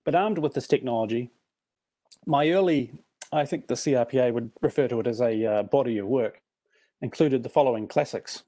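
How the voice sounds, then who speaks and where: A man's voice: medium pitch, warm tone. A middle-aged man with a New Zealand accent, giving a prepared presentation with dry, self-deprecating humour.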